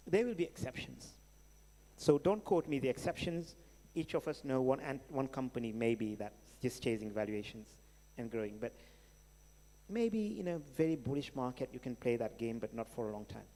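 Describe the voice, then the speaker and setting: A man with a Senegalese accent and a warm, mid-range voice answers questions as keynote speaker at a live event in a large hall. He is conversational and emphatic, using rhetorical questions, and the recording echoes with long reverb.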